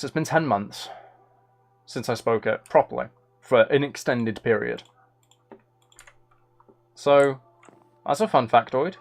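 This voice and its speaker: Streaming a game, a young man chats casually into a close mic in a rambling, self-deprecating way. His voice is medium-pitched and creaky, typical of relaxed live-stream gaming talk.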